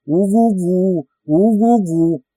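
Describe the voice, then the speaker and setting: A man's voice: a little high, lively intonation, a little slow, darkish tone, no echo. A man voicing a young male recruit who mocks his sergeant in a drawling, broken, howling voice. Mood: mocking.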